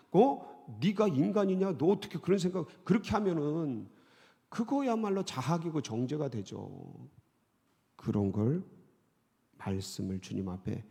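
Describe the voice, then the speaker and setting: Guy preaching at dawn service, gravelly voice, big swings in pitch, churchy echo. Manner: animated, acts out prayers and voices in dialogue. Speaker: pastor. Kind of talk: dawn prayer sermon. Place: church sanctuary. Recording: long reverb of a church hall.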